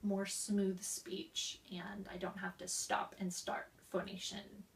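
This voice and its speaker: Young woman, slow, gravelly voice, instructional tone, a bit off-mic. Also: mid-range voice, flat delivery, whispered, recorded from a distance. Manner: demonstrates exercises with coughs, sighs and slow linked speech. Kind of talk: explaining voice exercises.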